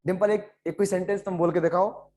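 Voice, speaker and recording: A man from India leads an online biology class with a high-pitched voice. He explains in Hindi sprinkled with English terms and calls on students by name. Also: fairly even intonation, fast talker, crowd noise. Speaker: biology teacher. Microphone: online class setup.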